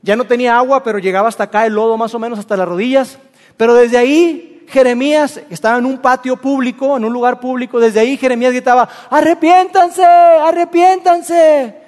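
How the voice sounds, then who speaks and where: Man, preacher, high voice, lively colloquial storytelling, long hall reverb. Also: fast talker. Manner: lively, colloquial, animated retelling. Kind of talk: sermon storytelling.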